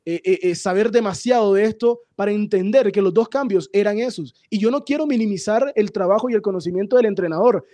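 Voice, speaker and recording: A man giving sports radio commentary, explaining a match calmly and addressing the listeners directly. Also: high voice, fairly quick, hardly any pauses, no echo.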